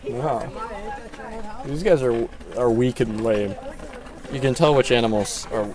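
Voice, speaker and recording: A man trades dry jokes as a podcast co-host, talking at an even middle pitch. He is recorded outdoors with a crowd chattering steadily behind him. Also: unhurried. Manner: joking, deadpan asides. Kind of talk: casual chat.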